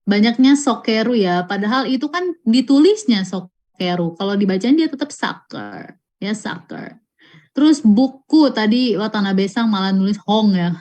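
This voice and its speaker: A woman teaching a live online Japanese class, reading out student answers and stretching example words out slowly and patiently. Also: mid-range voice, lively intonation, darkish tone. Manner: slow, patient, drawn-out pronunciation of example words.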